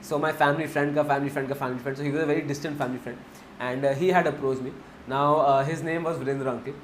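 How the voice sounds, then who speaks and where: A man's voice: fairly high pitch, fairly even intonation, rapid-fire, reverberant, a little hiss or hum. A man with an Indian accent teaching a finance class, mixing Hindi into his English, repeating key points and asking the class questions.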